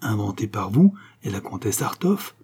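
A man's voice: fairly low pitch, big pitch swings, normal speed, mellow, breathy edge, heavily acted. A man reading aloud, voicing a proud and indignant young noblewoman in a storybook. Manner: haughty, cold.

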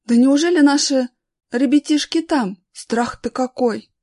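A woman's voice: a little high, moderate pace, darkish tone, lightly acted. A frightened beggar woman, read by a narrator. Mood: anxious. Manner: anxious, gasping exclamations. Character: fearful adult beggar woman.

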